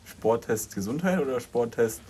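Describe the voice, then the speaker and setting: A young man co-hosts a relaxed podcast with a friend. He tells animated little stories and keeps breaking into laughter. His voice sits at an ordinary middle pitch. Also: normal speed, a little hiss or hum. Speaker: podcast co-host. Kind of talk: casual chat.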